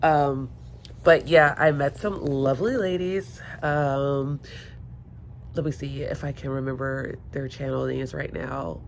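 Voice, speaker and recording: A woman with a creaky bass voice speaks slowly and fairly evenly, chatting to camera while stuffy and hungover. The rambling, self-mocking vlog is shot at home by the windows on a held or propped phone, with a little hiss or hum.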